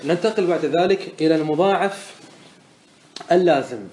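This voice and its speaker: A man teaching Arabic morphology in a classroom-style lecture. He asks questions and answers them himself, and he slows down to stress the example words. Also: on the high side, darkish tone, slight background noise. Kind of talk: classroom lecture explaining a grammar poem. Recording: roomy echo.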